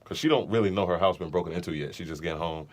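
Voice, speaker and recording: A man's voice: low-pitched, quick pace. A man co-hosting a podcast, chatting casually and telling funny stories in a laid-back, joking way. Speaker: podcast co-host. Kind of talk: casual chat.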